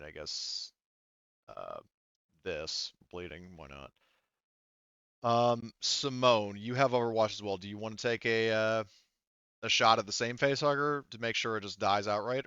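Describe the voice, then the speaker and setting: Game-mastering a relaxed tabletop session, a man with a smooth, fairly low, rather bright voice reasons through rules out loud with frequent pauses. The sound is close, dry, and echo-free, if somewhat dull.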